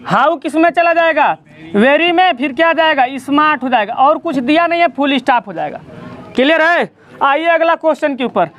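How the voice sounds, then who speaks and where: A man's voice: extremely high pitch, fairly bright tone. A man teaching a grammar lesson in a classroom, explaining step by step and quizzing his students as he goes. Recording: dull lo-fi sound.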